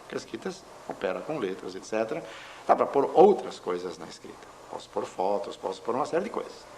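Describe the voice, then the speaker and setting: A man giving a measured lecture, explaining with examples. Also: lowish voice, sing-song, darkish tone, low-quality recording. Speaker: linguistics lecturer. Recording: faint background noise.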